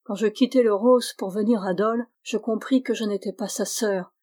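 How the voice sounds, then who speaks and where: A woman's voice: mid-range voice, fairly even intonation, normal speed, warm tone, lightly acted. Woman putting on a feverish frightened young noblewoman. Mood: wistful. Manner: anxious, pleading.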